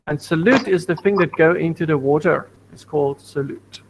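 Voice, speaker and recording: A man with a slightly high, creaky voice speaks at normal speed, patiently teaching primary school students science over a video call. He repeats points and asks the class questions, though the computer mic makes the audio poor.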